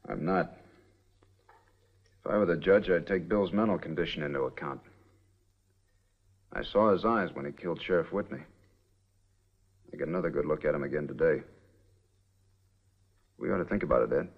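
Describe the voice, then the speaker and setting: An actor playing a steady, level-headed frontier marshal who speaks in a measured, firm way, in a 1950s TV western. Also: male voice, very deep voice, slightly rough, full character voice. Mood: calm. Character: calm, steady frontier marshal, grown man. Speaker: town marshal. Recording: dull lo-fi old TV sound.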